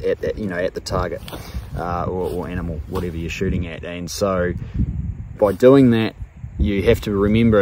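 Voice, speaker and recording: A man explaining things casually to camera as a hunter, in a halting, thinking-aloud way. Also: low-pitched. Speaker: hunter presenting his own video. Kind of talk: casual explanatory vlog talk. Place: outdoors in open windy country. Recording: noisy windy outdoor recording. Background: wind noise.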